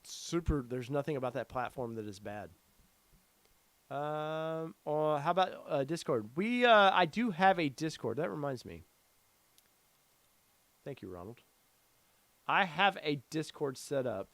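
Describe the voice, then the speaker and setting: A middle-aged podcast host runs a casual live stream, rambling through viewer comments he reads aloud with plenty of fillers. His voice sits a little high and sounds a bit bright and animated, with a measured pace and long pauses, though it's growing tired and worn as he loses it. The recording is dry.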